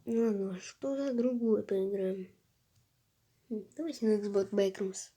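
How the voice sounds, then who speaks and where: A woman with a hoarse, husky voice chatting casually as host of a gaming video, halting and often half-whispered. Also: mid-range voice, mellow. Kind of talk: casual gaming vlog chat.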